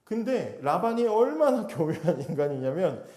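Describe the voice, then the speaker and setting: Pastor giving a sermon, lively, acts out the bible bits, mellow highish voice, echoey church. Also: male voice, normal speed. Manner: animated, acts out biblical quotes, addresses the congregation directly.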